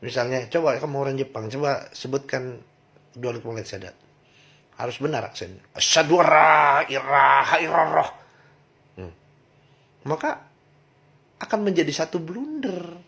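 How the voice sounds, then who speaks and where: A man talking through a question in a casual monologue, asking many rhetorical questions and pausing on fillers. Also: mid-range voice, very animated. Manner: reflective, asks rhetorical questions, frequent fillers. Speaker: channel host discussing religion.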